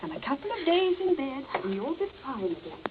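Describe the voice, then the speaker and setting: A woman's voice: high voice, very animated, a little fast. A woman playing a fussy genteel mother. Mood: fussing. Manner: fussing, genteel, soothing. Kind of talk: 1940s radio acting. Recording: tinny lo-fi archive radio with faint hiss.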